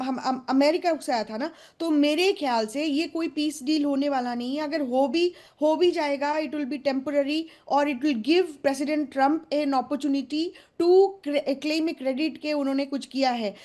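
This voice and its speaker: A woman speaking as a panelist on a news debate, assertive but halting, with many fillers and English phrases mixed in. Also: high voice, a little mellow.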